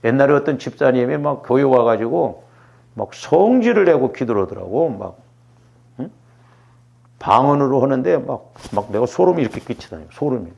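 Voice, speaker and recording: A man's voice: mid-range voice, very animated, moderate pace, creaky, a little mellow, muffled recording. A middle-aged male pastor giving a conversational sermon, often checking in with the congregation. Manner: conversational preaching with rhetorical checks.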